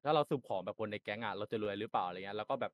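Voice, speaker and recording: Fast, rambling young man. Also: on the low side, a little hiss or hum. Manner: rambling, filler-heavy, restarts. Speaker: applicant being interviewed. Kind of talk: casual rambling answers.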